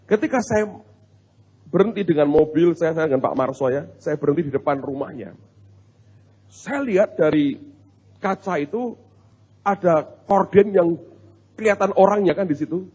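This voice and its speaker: A male pastor, preaching in an animated, humorous storytelling way and talking straight to his congregation. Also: a little high, normal speed, long pauses, husky. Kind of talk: storytelling sermon. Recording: muffled recording in a reverberant hall.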